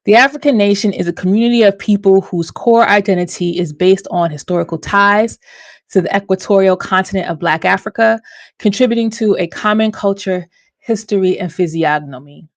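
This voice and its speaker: A woman's voice: medium pitch, fairly quick, no room sound. A woman hosting a livestream discussion, talking casually with many fillers and restarts.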